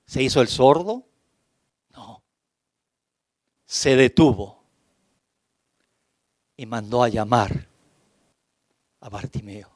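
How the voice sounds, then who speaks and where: A man's voice: medium pitch, expressive, extremely slow, long pauses, darkish tone, no echo, clean studio sound. A man with a Peruvian Spanish accent preaching a sermon as pastor, emphatic and building through long lists. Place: church.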